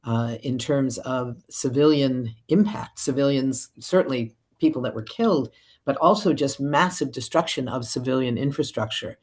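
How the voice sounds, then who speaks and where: A woman's voice: a bass voice, normal speed, a little mellow. A woman political analyst giving long, fluent answers in a radio interview, with occasional fillers.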